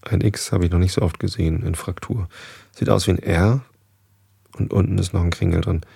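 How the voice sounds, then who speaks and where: A man with a very low, gravelly voice reads a children's book aloud at an easy pace. His tone is dark and a little husky, and he trips over words and corrects himself as he goes. The close microphone leaves the sound dry. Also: fairly even intonation, a little fast, no echo. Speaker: reader. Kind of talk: reading a children's book aloud with casual asides. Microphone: desk microphone.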